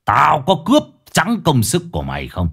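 A man voicing a cold, menacing middle-aged gang boss who talks slowly and threateningly. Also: on the high side, huge pitch swings, vocal fry, fairly bright tone, husky, pitched above the performer's own voice, full character voice. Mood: cold menace.

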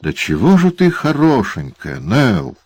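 A man's voice: mid-range voice, wildly swooping pitch, a little slow, dry recording, voice pushed up. A cruel, gleeful dwarf, as a male reader puts him on, barking and snarling in a raised, strained voice that leaps all over. The audiobook voice is recorded dry and close. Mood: gloating. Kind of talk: audiobook character voice.

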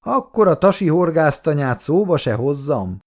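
A bossy, self-satisfied older man, as a male reader puts him on in a storybook. He talks heartily and boastfully with a lively rise and fall. His voice has a gravelly grain. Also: a little high, pitched above the performer's own voice. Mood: hearty.

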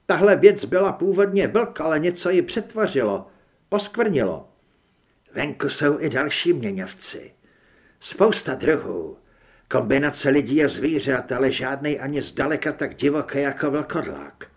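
A man reading an action audiobook as narrator in a steady storytelling delivery. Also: fairly high pitch.

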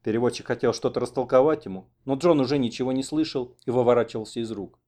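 A male audiobook narrator reading with expressive delivery. His voice sits at an average pitch. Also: fast talker. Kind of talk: scripted narration.

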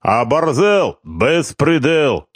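A cocky Georgian soldier with a thick Georgian accent needles his card partner in broken grammar, as a male reader puts him on. His voice sits high and proud. The sound is dry and close. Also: very animated, very slow, no echo, exaggerated voice. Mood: cocky needling.

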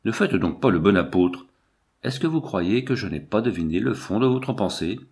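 A man's voice: lowish voice, lively intonation, normal speed, a little mellow. A man reading an audiobook, voicing a suspicious and hostile male accomplice with a grating, curt manner. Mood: surly. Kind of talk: audiobook character voice.

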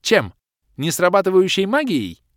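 A man's voice: on the high side, sing-song, brisk, dry recording, clean studio sound, voice pushed up. A man voicing a scornful, brash young woman warrior in an audiobook. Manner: sneering, brash. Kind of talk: audiobook character voice.

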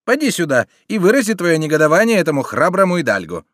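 A man's voice: on the high side, big pitch swings, fast, fairly bright tone, no echo, studio quality, voice pushed up. A man voicing a sly, mocking bandit. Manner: mocking, persuasive. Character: sly mocking male bandit, smooth-talking.

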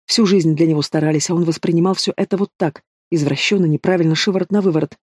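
A man narrating a first-person dramatic audiobook in a steady reading voice. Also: fairly high pitch, fast talker, dry recording, clean studio sound.

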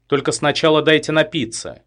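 A man voicing a frightened but defiant female investigator, pleading and shouting. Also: fairly high pitch, a little fast, pitched above the performer's own voice, close to an everyday voice. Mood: desperate, defiant. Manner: pleading, shouting in raised tones.

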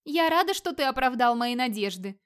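A woman reading an audiobook, voicing a cheerful young Valkyrie woman in a bright, merry, lifted voice. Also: high-pitched, animated, brisk, smooth. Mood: pleased.

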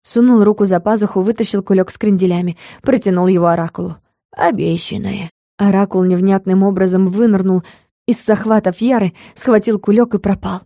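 A woman reading a fantasy audiobook in a measured, even storytelling manner, close to the microphone. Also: medium pitch, no room sound. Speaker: audiobook narrator. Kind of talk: scripted audiobook narration.

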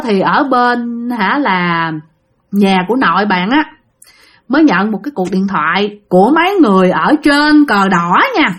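A woman's voice: a little high, fairly bright tone. A woman telling a ghost story in a chatty way, often turning to speak to her listeners directly. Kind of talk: casual ghost-story narration.

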